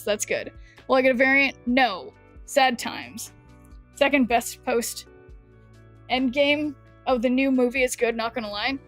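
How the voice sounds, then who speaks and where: A woman chatting casually on a live game stream, rambling and answering chat, her voice worn from talking. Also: fairly high pitch. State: losing her voice.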